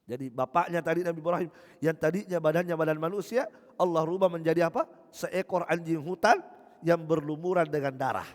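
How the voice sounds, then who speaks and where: Emphatic male preacher in echoing mosque. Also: on the high side. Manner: emphatic, asks rhetorical questions and answers them; recites Arabic phrases slowly, then explains them. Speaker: ustadz, preacher. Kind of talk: mosque sermon teaching a hadith book. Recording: long echoey mosque reverb.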